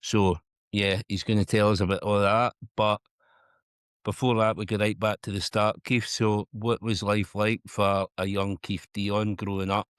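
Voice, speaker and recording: A man's voice: lowish voice, flat delivery, measured pace, smooth, no echo, studio quality. A man hosting a podcast, introducing his guest casually with many ums. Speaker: podcast host.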